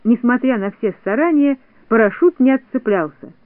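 A man narrating a children's storybook in a clear, even storytelling manner. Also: very high voice, moderate pace, no echo, narrow, tinny audio. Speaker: audiobook narrator.

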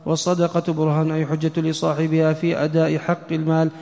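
Guy rattling through a text really fast, flat half-chanted reading, big echoey mosque hall. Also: fairly high pitch, vocal fry. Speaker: student reading the text aloud. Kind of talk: rapid recitation of a text.

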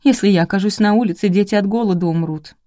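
A woman's voice: mid-range voice, quick pace, mellow, no echo, studio quality, close to an everyday voice. A woman reading the part of a timid young female assistant in an audiobook, speaking in a trembling, tearful voice.

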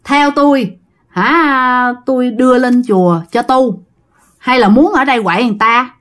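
A woman's voice: sits high, normal speed, fairly bright tone. A woman, voicing a stern older male exorcist who questions and threatens a spirit. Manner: stern, demanding.

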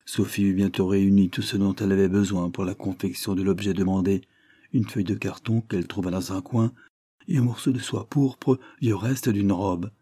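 A man's voice: sits low, steady tone, normal speed, dark tone, slightly rough, no echo, studio quality. A man reading a novel aloud as scripted narration, lifting his voice for dialogue. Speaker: audiobook reader.

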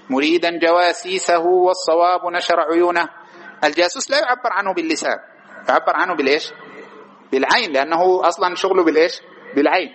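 A male teacher moves quickly through a lesson in a slightly high voice. He keeps putting questions to his students and then answers each one himself before pressing on. A faint background noise sits under the lecture. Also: a bit bright, low-quality recording. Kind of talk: classroom lecture explaining a text.

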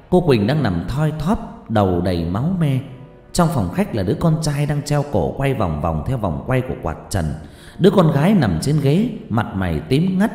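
A man narrating a scripted horror story in a dramatic, expressive way. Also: medium pitch. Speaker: audiobook narrator. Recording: roomy reverb with faint music.

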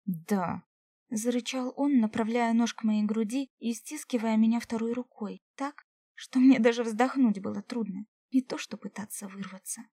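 A woman's voice: a little high, fairly even intonation, moderate pace, warm tone, no room sound, studio quality. A woman narrating a first-person audiobook in an emotional way, at times dropping to a whisper.

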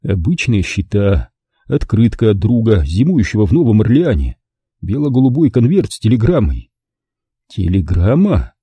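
A man narrating an audiobook with a measured storytelling delivery. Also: lowish voice, very animated, dark tone, breathy edge, dry recording. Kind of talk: scripted narration.

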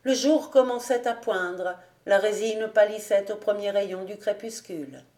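A woman narrating a classic novel as an audiobook, in a measured, expressive reading. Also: mid-range voice. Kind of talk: scripted narration. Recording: roomy echo.

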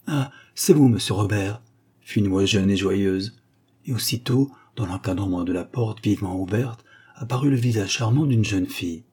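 A man narrating a classic story in a calm, measured reading. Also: lowish voice, slightly rough. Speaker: audiobook reader.

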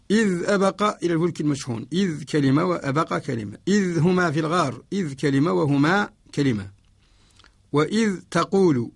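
A man from Mauritania, an Islamic scholar, giving a radio lesson on Quranic spelling in a measured, repetitive explaining manner with slowly recited examples. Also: on the high side, gravelly, no room sound, studio quality.

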